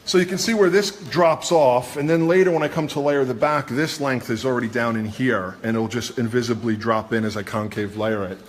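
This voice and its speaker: A man's voice: mid-range voice, a little fast, hardly any pauses. A man with a Brooklyn accent giving a casual live hairdressing demonstration, explaining informally step by step as he works. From New York, USA. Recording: noisy busy salon background.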